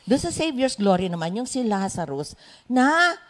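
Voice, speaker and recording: A woman with a Filipino accent leading a Bible study, chatty and quick to laugh. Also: on the high side, very animated. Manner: chatty, laughs often, mixes in English. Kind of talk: Bible study sharing in Taglish.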